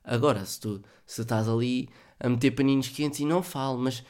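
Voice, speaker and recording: A man with a European Portuguese accent hosts a solo podcast and talks it through casually, as if thinking aloud. He jokes and swears freely, with an ordinary mid-pitched voice. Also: fairly even intonation, brisk, darkish tone. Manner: joking, profane, thinking aloud. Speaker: podcast host.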